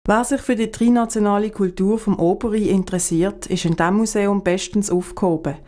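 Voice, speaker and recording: A woman reading scripted voice-over narration in a measured way. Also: medium pitch, fairly even intonation, warm tone.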